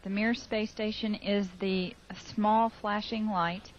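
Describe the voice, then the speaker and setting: A woman giving live spaceflight commentary over a mission control broadcast, measured and halting with fillers. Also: mid-range voice, fairly even intonation. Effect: radio-style mission control broadcast. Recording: dull lo-fi broadcast with faint hiss.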